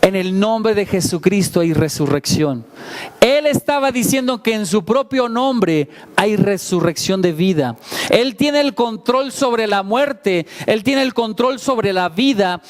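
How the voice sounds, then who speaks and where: A man's voice: high-pitched, animated, unhurried. A man giving a sermon as a pastor, speaking conversationally, asking the congregation rhetorical questions and making self-deprecating asides.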